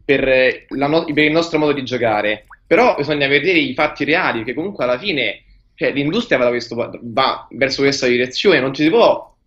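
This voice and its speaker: A man's voice: medium pitch, animated, a little fast, fairly bright tone. A man calling in to a live show, heard over a call line, talking hesitantly and restarting his sentences. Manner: hesitant, searches for words, many restarts. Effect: heard over a call line, dull and muffled. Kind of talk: casual chat. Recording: dull lo-fi call audio.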